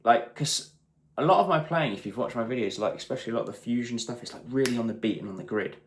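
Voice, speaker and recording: A British man teaches guitar casually on a live stream, speaking fast at medium pitch and thinking aloud in short, informal bursts. The audio has a roomy echo, with guitar playing in it.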